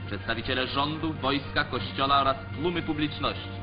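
A man's voice: mid-range voice, a little fast. Guy doing formal old 1940s newsreel narration, muffled lo-fi sound, music playing under it. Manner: formal, declamatory. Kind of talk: scripted newsreel commentary. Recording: dull lo-fi 1940s newsreel track.

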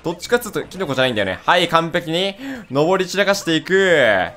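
A young man giving casual, excitable let's-play commentary, blurting quick reactions and rough, playful jabs. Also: fairly high pitch. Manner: rough casual talk, playful mock scolding. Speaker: gaming video host.

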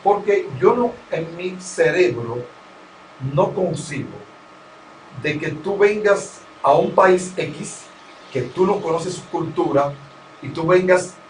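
Male announcer guest, lecturing tone, slightly high voice, distant echoey mic. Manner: didactic, lists points and gives advice. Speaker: professional radio announcer, interview guest. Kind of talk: conversational interview. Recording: roomy, distant mic with faint noise.

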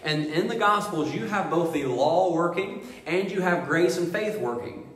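A man's voice: a little high, animated, moderate pace, fairly bright tone. A man preaching a sermon as pastor, emphatic and full of rhetorical questions. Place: church sanctuary. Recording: echoey hall reverb.

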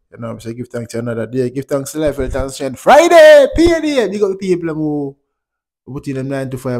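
A man's voice: medium pitch, darkish tone. A man with a Jamaican accent hosting a channel in Rasta speech, casually commenting on music in Patois with blessings and frequent affirming tags. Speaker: YouTube channel host.

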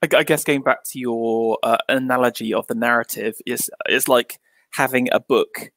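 A man with a gravelly, creaky voice talks through an idea about art in a casual discussion. He hesitates, repeats words and leans on fillers, and the recording is dry with little room sound. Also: mid-range voice, fairly even intonation, moderate pace, a bit bright, no echo. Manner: hesitant, stammering with many fillers.

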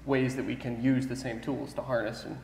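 A man's voice: mid-range voice, little pitch movement, a little fast, vocal fry, a little mellow. A man on a conference panel speaking thoughtfully, hedging often with "sort of" and "you know". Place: large conference hall stage. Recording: echoey hall with faint room noise.

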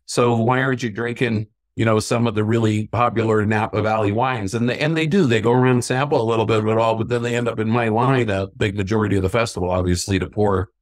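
A middle-aged man telling lively anecdotes in a casual interview about his sangria business. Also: on the low side, fast, few pauses, no echo, studio quality. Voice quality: self-described stubborn Irishman. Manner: chatty anecdotal storyteller, acts out quoted voices. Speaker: sangria company owner.

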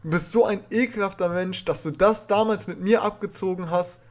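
A young man hosts a reaction video from a small room at home. His voice sits a bit high. He talks confrontationally and indignantly, swearing as he calls out a rival. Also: fairly quick. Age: young adult. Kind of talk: reaction commentary, addressing a rival.

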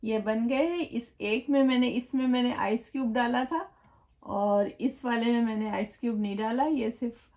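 A woman hosting her own cooking channel, explaining a recipe step by step in a gentle, chatty way, with blessings and greetings to her viewers. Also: a little high, steady tone, moderate pace. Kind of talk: home cooking tutorial voice-over. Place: home kitchen.

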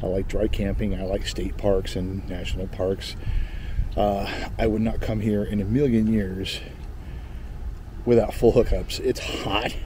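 A middle-aged man from California vlogging casually from an outdoor lakeside campsite, talking in a relaxed, rambling way and correcting himself as he goes. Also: lowish voice, measured pace, slight background noise. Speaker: camping vlogger. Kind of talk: casual travel vlog. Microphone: camera at arm's length. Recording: music playing under the voice.

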